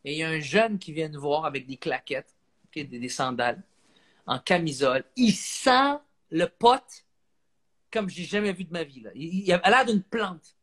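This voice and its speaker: Animated Québécois male comedian. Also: on the high side, fairly quick, slightly rough. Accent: Québécois French. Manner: animated, acts out voices. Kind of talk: comic storytelling on a live stream.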